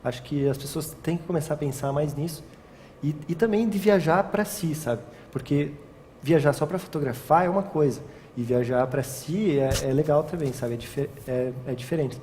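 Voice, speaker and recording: With a warm, slightly high voice at normal speed, a young adult wedding photographer chats through a casual interview. He drifts between thoughts, restarts frequently, and tags his sentences with "sabe?" Faint ambient noise and a long reverb are audible.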